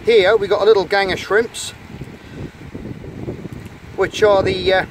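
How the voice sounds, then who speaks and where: On a windy rocky beach, a chatty channel host casually narrates his nature vlog into a camera held in hand while quietly and enthusiastically handling creatures in the rock pools. His voice sits high with a flat, slightly slow delivery. The recording is rough, with wind noise on the mic.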